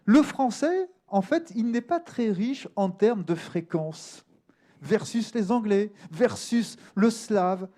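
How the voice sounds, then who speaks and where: A man leads a voice workshop in a lively, bouncing tone that climbs and falls a lot. His sound is mellow and dark. He pauses to demonstrate sounds and coaxes remote listeners to try them too. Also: high-pitched. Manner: animated, demonstrates vocal exercises, addresses remote audience. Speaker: voice coach. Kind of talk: live workshop talk.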